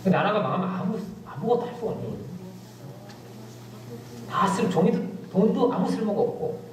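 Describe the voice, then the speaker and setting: A middle-aged male pastor preaching a sermon, telling stories with lively emphasis that drops suddenly to quiet asides. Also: high-pitched, fairly quick. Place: church sanctuary. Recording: very echoey church hall, distant mic.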